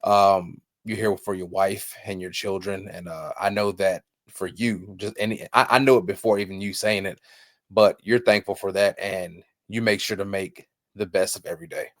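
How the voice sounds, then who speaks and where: A man in his thirties hosting a podcast, talking in an earnest, heartfelt way with many halting restarts. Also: low voice, fairly even intonation, dry recording, studio quality. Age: 30s. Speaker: podcast host. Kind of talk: casual chat.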